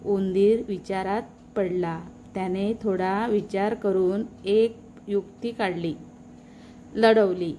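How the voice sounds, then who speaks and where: Very slow-reading woman storyteller. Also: mid-range voice, steady tone, a little hiss or hum. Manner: warm asides to young listeners. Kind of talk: children's story narration.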